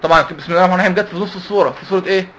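Fast-talking Egyptian sheikh teaching youth. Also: male voice, sits high, a bit bright, dull audio. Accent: Egyptian Arabic. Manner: quick, question-and-answer teaching, asks and answers himself. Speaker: Quran teacher. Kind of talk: religious lesson to youth.

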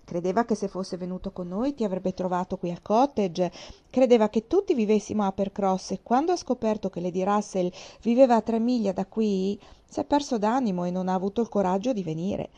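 A woman reading the part of a good-humored young country gentleman, speaking with jovial emphasis in a mellow voice. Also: mid-range voice, brisk, lo-fi sound, natural voice.

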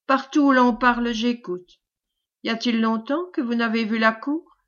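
A woman reading the lines of a servile, scheming man who flatters in a caressing, obsequious tone, in a storybook reading. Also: a little high, moderate pace, muffled recording, lightly acted. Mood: fawning. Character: fawning, sly male schemer, servile and unctuous.

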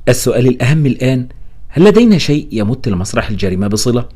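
A man's voice: mid-range voice, big pitch swings, racing, dark tone, breathy edge. A man doing a wry Russian professor. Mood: businesslike.

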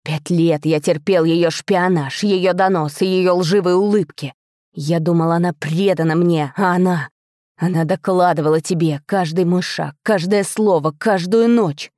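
A woman voicing a furious, betrayed young dragon prince who shouts raw, bitter accusations at his father. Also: on the low side, steady tone, moderate pace, no room sound, studio quality, lightly acted.

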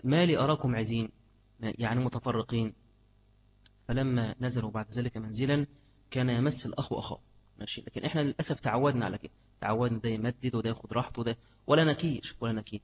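A man's voice: medium pitch, a little mellow, a little hiss or hum. A man with an Egyptian Arabic accent giving an Islamic study lesson, repeating key words and quizzing his class. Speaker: religious teacher.

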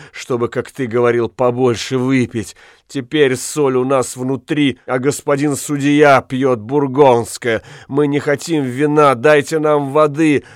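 A man's voice: mid-range voice, steady tone, unhurried, no echo, clean studio sound, lightly acted. A man reading an audiobook, voicing a crazed old woman accused of witchcraft who pleads and raves feverishly.

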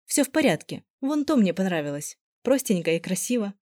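A woman reading the part of a gentle, teasing young woman, with a soft, coaxing delivery. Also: medium pitch, very animated, brisk, dry recording, clean studio sound, natural voice.

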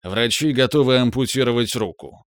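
A man voicing a troubled older male security officer who speaks in a muffled, halting way. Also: mid-range voice, dry recording, studio quality, lightly acted.

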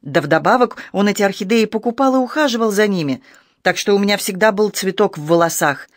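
A man voicing a proud, venomous young female courtesan who lashes out in shrill, scornful outbursts. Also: expressive, a little fast, no echo, studio quality. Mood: contemptuous.

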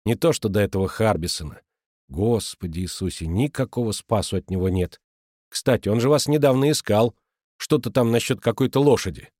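A man's voice: lowish voice, brisk, a little mellow, dry recording, studio quality, lightly acted. A man voicing a bold, teasing teenage girl who talks in a cheeky, colloquial way. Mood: chatty.

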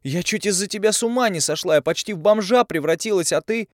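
A man reading an audiobook and voicing a furious, tearful young woman who yells and nearly shrieks. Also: fast talker, dry recording, clean studio sound, natural voice. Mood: anguished. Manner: shrill, yelling, near tears.

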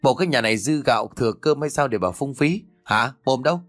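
A vicious, shrieking daughter-in-law in a spoken family drama story, as a male storyteller puts her on. She spits every word with scorn, her pitch lurching up and down. The recording is close and dry. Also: animated, brisk, no room sound, faint music behind. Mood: venomous scolding. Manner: scolding, venomous, shouting. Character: cruel shrill daughter-in-law, woman, middle-aged.

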